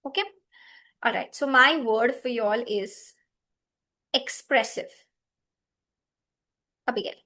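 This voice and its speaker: High-voiced encouraging woman host. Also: takes it slowly, long pauses, pushed and bright. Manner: encouraging, addresses listeners as dear and y'all. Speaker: host of a children's reading contest. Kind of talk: live event hosting, casual.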